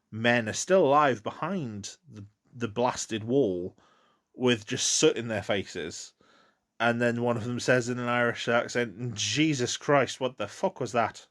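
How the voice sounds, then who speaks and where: A man with a mid-range, fairly bright voice hosts a solo podcast, casually talking through films with plenty of ums and restarts.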